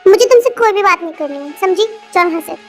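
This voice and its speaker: A woman's voice: very high-pitched, lively intonation, quick pace, faint music behind. A woman voicing a cold, harsh young husband in a fan audio story, speaking with scorn and giving orders. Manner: scornful, commanding.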